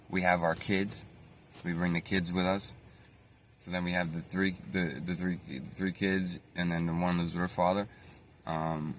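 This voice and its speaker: A man with a very deep, low voice tells his own story in an unscripted, meandering way. He stops to correct himself, backs up and fills gaps with "um". A faint hum of noise runs under him. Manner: rambling, halting, with frequent fillers and self-corrections. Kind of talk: casual spoken storytime.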